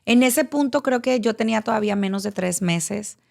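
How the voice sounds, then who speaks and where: A woman's voice: on the high side, normal speed, gravelly, darkish tone. A woman in her late thirties with a Mexican Spanish accent, giving a candid personal testimony as a podcast guest and speaking straight to the listener with casual swearing. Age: late 30s.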